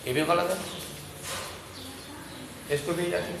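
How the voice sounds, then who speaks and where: A man's voice: high-pitched, fairly even intonation, creaky, a bit bright. A man teaching Quran recitation to a class, explaining patiently and methodically and modeling each phrase in a chant. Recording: roomy class recording.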